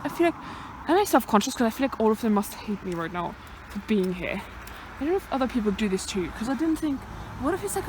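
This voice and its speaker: A young woman with a high voice vlogs during a hike, a little out of breath as she chats and rambles to herself on a country road beside a fenced field. She's talkative and swears lightly in this wandering walk-and-talk. Cars pass in the noisy background.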